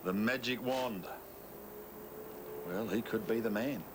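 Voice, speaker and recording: A man commentating live on televised golf as lead broadcaster, with measured, conversational observations. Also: fairly low pitch, background noise.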